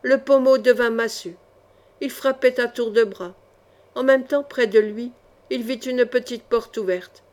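A woman with a somewhat high voice narrates an old-fashioned swordfighting novel. Her reading is measured and expressive, shaping each sentence for the listener. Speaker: audiobook reader. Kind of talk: scripted narration of a swashbuckling novel.

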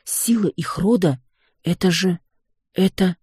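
A reader voicing a sharp-tongued young witch heroine in an audiobook, with indignant quick retorts. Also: lowish voice, breathy edge, no room sound, studio quality, voice pushed up, heavily acted. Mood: astonished.

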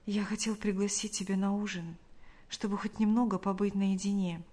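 A tender young man speaks softly to the woman he loves, remorseful and sighing in an audiobook love story. A woman narrator voices him in a middle-pitched voice. His lines stay gentle and quiet. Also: unhurried, natural voice. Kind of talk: audiobook reading.

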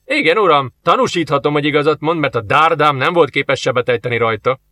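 A man voicing a gruff, scornful male soldier who speaks in a drawn-out, mocking way. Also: fairly high pitch, expressive, pushed and bright, no echo. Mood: insistent.

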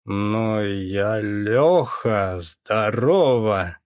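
A man's voice: on the low side, very slow, dry recording, studio quality. A man voicing a tipsy, cocky young male police officer with easy, slightly slurred speech. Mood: relaxed.

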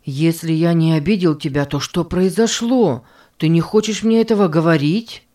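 Sincere, loyal boy in a storybook reading, low voice, read by a woman. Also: moderate pace, warm tone, far from the mic, close to an everyday voice. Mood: pleading. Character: gentle, earnest, loyal boy.

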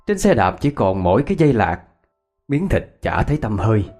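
A man's voice: fairly low pitch, sing-song, brisk, a little mellow, soft background music. A man narrating a ghost story in a reminiscing storyteller's cadence.

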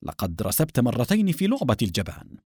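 A man's voice: medium pitch, wildly swooping pitch, fast, darkish tone, breathy edge, no room sound, clean studio sound, exaggerated voice. A man voicing a bold, cool-headed male captain who speaks firmly and with a confident, teasing edge.

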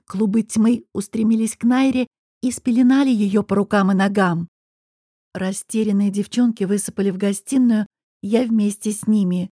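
A woman narrating a first-person fantasy audiobook in an even, expressive storytelling manner. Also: mid-range voice, moderate pace, husky, dry recording, clean studio sound.

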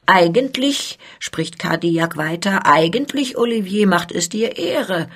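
A woman's voice: on the low side, lively intonation, measured pace, fairly bright tone, full character voice. A woman voicing a sly, menacing older male master goldsmith who threatens in a cold, persuasive manner, in a storybook reading. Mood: coaxing.

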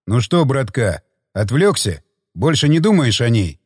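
A man voicing a gruff, blunt male soldier with a teasing edge. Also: mid-range voice, sing-song, measured pace, no room sound, studio quality, big-room sound.

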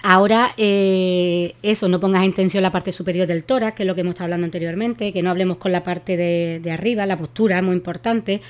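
A woman's voice: on the low side, steady tone, brisk, few pauses. Woman explaining voice care. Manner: explanatory, many fillers and restarts. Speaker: voice therapist guest. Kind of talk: radio interview advice.

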